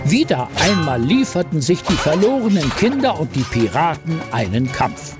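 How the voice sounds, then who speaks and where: A man narrating a scripted children's story in an expressive storytelling manner. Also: on the high side, moderate pace, over loud music.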